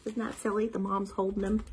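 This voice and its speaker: With a husky, darkish tone at medium pitch, this woman reads picture books aloud to young kids. She's playful and dramatic, breaking off now and then for chatty side comments and questions aimed at the listener.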